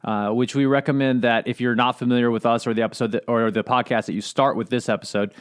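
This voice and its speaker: A middle-aged man co-hosting a podcast, chatting in a relaxed way and laughing easily. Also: medium pitch, quick pace, clear, resonant tone. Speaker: podcast co-host. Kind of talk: casual conversational podcast.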